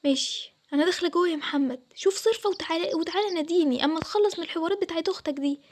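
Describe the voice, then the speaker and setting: A woman's voice: very high-pitched, rapid-fire, a little mellow, a little hiss or hum. A woman voicing a young bride who is upset and complaining, in an Egyptian accent. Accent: Egyptian Arabic. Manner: complaining, pleading. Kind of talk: Toca Boca roleplay voiceover.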